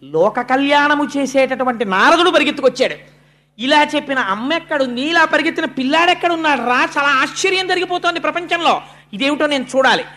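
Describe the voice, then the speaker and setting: In a very high, sharp, animated voice and at a fairly quick pace, a religious discourse speaker delivers a devotional sermon. He tells a sacred story dramatically, acting out the characters' lines.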